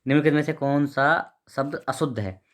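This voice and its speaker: A man's voice: a little high, brisk. A man teaching, reading out each exam question and its options, then correcting the wrong ones with informal, repetitive explanations. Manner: informal, repeats words, reads out options and corrects them. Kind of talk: explaining test answers.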